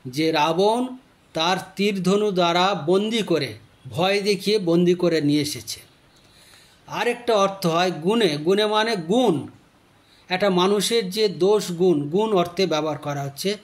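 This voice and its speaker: A man teaching a grammar lesson, explaining word meanings carefully and reciting short lines of verse. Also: high voice. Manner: slow, deliberate explaining that stretches out key words.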